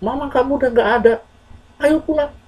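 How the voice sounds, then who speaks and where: A man's voice: very high voice, fairly quick, darkish tone, pitched above the performer's own voice, low-quality recording. A man voicing an adult messenger calling urgently with bad news.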